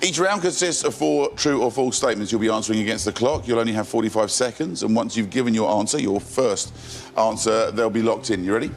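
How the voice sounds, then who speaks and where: A man hosting a TV quiz show in a studio, brisk and jokey with the contestants, chuckling between lines. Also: fairly low pitch.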